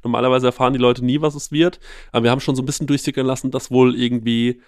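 A man chatting in a relaxed interview, spinning long stories with lots of "ähm" along the way. His voice sits in a middle register and comes through close and dry, with no room sound. He gets lively and quick when a story builds up. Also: medium pitch, no room sound. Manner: animated storyteller, many fillers. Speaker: podcast host, guest here. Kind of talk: casual interview chat.

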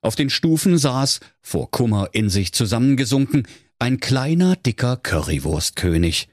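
A man narrates a comic fairy tale for children with playful relish. His medium-pitched voice moves up and down a lot. The recording is close and dry. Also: moderate pace, no echo. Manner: playful, animated storytelling. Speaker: storyteller.

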